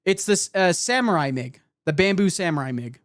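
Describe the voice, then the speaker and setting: A man's voice: sits high, lively intonation, normal speed, no echo, clean studio sound. A man telling lore as a streamer, with casual asides and a hesitant, self-correcting delivery. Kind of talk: live storytelling with casual asides.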